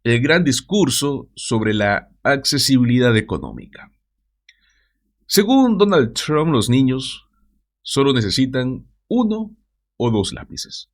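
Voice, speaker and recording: A man's voice: mid-range voice, sing-song, slow. A man hosting a news commentary show, talking straight to his viewers with mocking asides.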